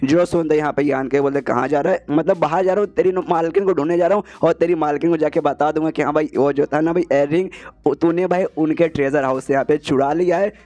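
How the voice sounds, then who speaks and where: A man rattles through a story recap at a rapid clip, his voice sitting a little high. He retells every exchange in loose, chatty narration, padded with filler phrases. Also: steady tone, a little mellow.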